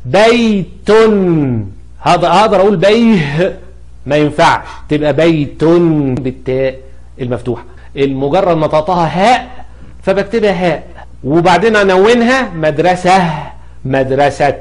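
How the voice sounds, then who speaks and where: A man's voice: on the high side, fairly quick. Egyptian man teaching grammar by example. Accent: Egyptian Arabic. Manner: explains by repeating examples, asking and answering his own questions. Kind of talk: spoken grammar lesson.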